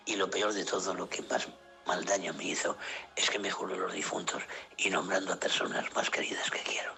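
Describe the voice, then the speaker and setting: A man preaching an emotional sermon, sinking into hushed whispers and rising into high cries. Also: level tone, a little fast, vocal fry, faint music behind. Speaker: pastor.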